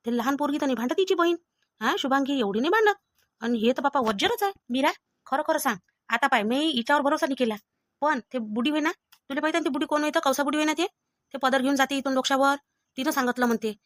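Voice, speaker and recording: A woman's voice: sits high, fast talker, dry recording, studio quality. A woman with a Vidarbha Marathi accent performing a comedy sketch, talking in a blunt, scolding village-mother way. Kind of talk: scripted family comedy sketch.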